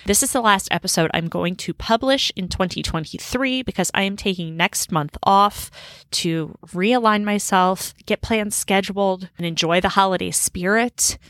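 Recording indoors on a river boat, this podcast host, a woman in her thirties, is bubbly and slangy, rambling at a normal speed. Her mid-range voice has a fairly bright tone, and the dry recording sounds like a clean studio.

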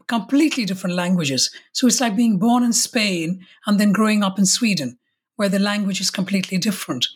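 A woman's voice: mid-range voice, husky. A woman, a podcast guest in a conversational interview, speaking reflectively with restarts and self-corrections. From India.

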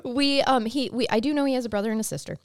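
A woman's voice: on the high side, fast, dry recording, studio quality. A woman co-hosting a true crime podcast in casual chat, informal, wry and self-deprecating, with a sleepy early-morning voice. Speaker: podcast co-host.

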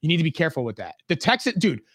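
A man's voice: on the high side, sing-song, rapid-fire, fairly bright tone, no room sound, clean studio sound. A man in a casual sports debate as a co-host, opinionated and conversational, pushing back on the other side.

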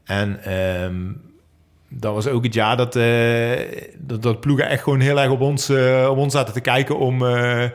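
A professional cyclist in his thirties, a sprint lead-out rider, answers interview questions at length while recalling races. His medium-pitched voice has fairly even intonation at normal speed, but he's hesitant, with lots of ums and restarts.

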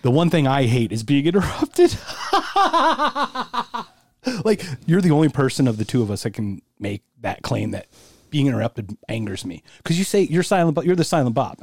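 A man's voice: mid-range voice, expressive, a little fast, dark tone, no echo. A man co-hosting a podcast, joking and teasing his friend in casual chat. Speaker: podcast co-host.

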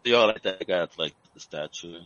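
A man's voice: sits low, moderate pace, fairly bright tone, dry recording, dull audio. A man hosting a casual live interview, his video-call audio breaking up and cutting out as he jokes and asks questions. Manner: laid-back, jokey, laughs between questions. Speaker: interviewer host of a live show.

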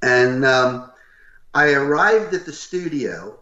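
Gruff older man in a roomy room. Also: mid-range voice, slow pace. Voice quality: loud, gruff voice. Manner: animated, acts out what others said. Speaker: voice actor guest. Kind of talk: interview storytelling. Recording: roomy, slightly dull recording.

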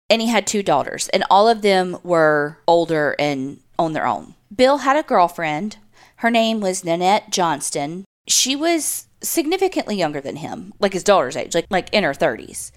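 A woman hosting a podcast, telling a true-crime story in a casual, conversational way. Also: fairly low pitch. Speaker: podcast host.

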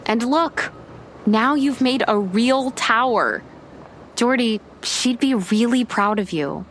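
An actress playing an anxious, uptight young American bride-to-be and affectionate big sister in a naturalistic audio drama. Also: female voice, fairly high pitch, expressive, slow, a little hiss or hum. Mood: warm, proud. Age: young adult. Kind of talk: scripted audio drama, naturalistic dialogue and narration.

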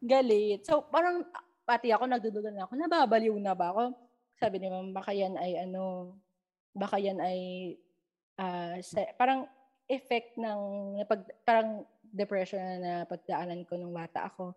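A woman's voice: mid-range voice, moderate pace, long pauses, lo-fi sound. A young Filipina woman casually recounting personal paranormal experiences, switching into English and acting out quoted dialogue. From Philippines. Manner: mixes English into Tagalog, animated retelling with quoted dialogue. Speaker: guest storyteller. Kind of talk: casual storytelling chat.

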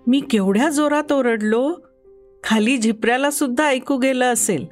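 A woman narrating a children's story in the first person as a young boy, with an expressive, childlike manner. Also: high voice, moderate pace, soft background music.

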